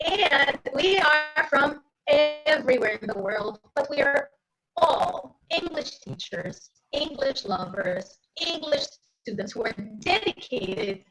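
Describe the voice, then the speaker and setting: Speaking slowly and expressively in a high, fairly bright voice, a Brazilian woman, a non-native English speaker with Portuguese as her first language, teaches an English exam lesson over a live stream, talking straight to her viewers. Soft music plays in the background of the slightly dull audio.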